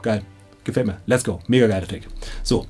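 This thirties-aged audiobook director has a fairly low, brisk voice that's a little mellow and slightly rough. He talks casually to camera with enthusiasm and slang, in a small studio control room where music plays in the background.

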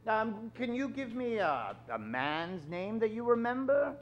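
A middle-aged man hosts a live improvised radio show on a theater stage in the courteous, theatrical manner of an old-time announcer, his showman patter a little hesitant. His voice sits high and sing-song, a little slow, and the live stage recording is dull and lo-fi.

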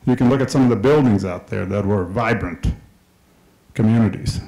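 This middle-aged man from Kenya has a fairly low, dark voice and talks at a normal speed. Holding a microphone in a big indoor hall equipped with a screen, he makes an impassioned public address, hammering home his main points again and again. The audio is poor.

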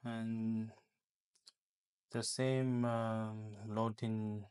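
A man talking through a hands-on laundry test at a lab bench, unscripted, with many pauses, fillers and restarts. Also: lowish voice, level tone, darkish tone, clear, resonant tone. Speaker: product demonstrator.

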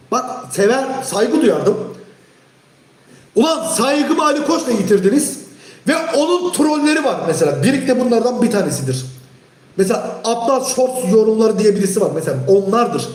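Furious high-voiced man ranting live. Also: echoey room. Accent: Turkish. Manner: heated, shouting, addressing chat directly. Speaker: livestream host. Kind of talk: angry live-stream rant.

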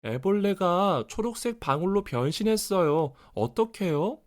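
A man's voice: high voice, expressive, measured pace, voice pushed up. A man voicing an anxious young animal child in a storybook, with carefully enunciated words. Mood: worried, alarmed. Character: anxious young child animal Ferdy, fretting over caterpillar.

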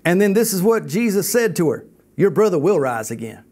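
A man's voice: high voice, sing-song, brisk, darkish tone. A man teaching a Bible college class, reading scripture aloud and commenting on it with emphasis.

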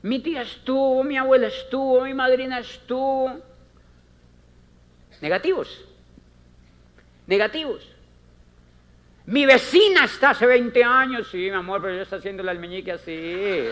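Speaking at a normal speed with long pauses, a man gives a conference talk as a motivational speaker, his voice a bit bright. He's theatrical and emphatic, repeating himself and playing out small scenes with characters whose pitch swings widely.

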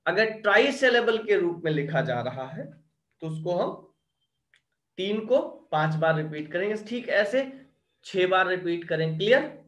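A man lectures a class from the board, unhurried and a little high-pitched. He drills terms and keeps checking that his students follow. The room around him echoes noticeably. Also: expressive, fairly bright tone. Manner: drills terms, often asks "clear?" and "okay?". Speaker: teacher.

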